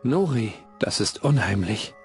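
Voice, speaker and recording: A man's voice: lowish voice, lively intonation, measured pace, soft background music. A man voicing a young male hero in a fantasy adventure game, speaking in short, dry, curt remarks. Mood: uneasy. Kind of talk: video game voice acting.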